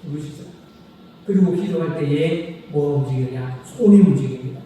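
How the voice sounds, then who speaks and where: Dark-voiced pastor in an echoey church. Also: male voice, on the high side. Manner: asks the congregation questions and repeats key phrases; slow, solemn scripture reading. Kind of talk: sermon. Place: church sanctuary. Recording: echoey hall reverb from a distant mic, faint noise.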